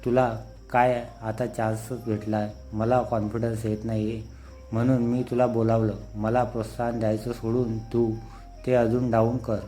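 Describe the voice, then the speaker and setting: A man voicing a proud, sensitive young woman who teaches dance, reading her lines slowly and evenly in his own dark, low-key voice. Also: little pitch movement, faint music behind, natural voice. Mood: teasing.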